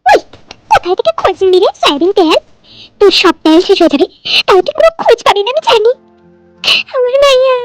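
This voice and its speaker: A woman voicing a loud, crude, scolding middle-aged mother in a storybook tale. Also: sing-song, fast, no echo, faint music behind. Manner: shrill, crude, insulting.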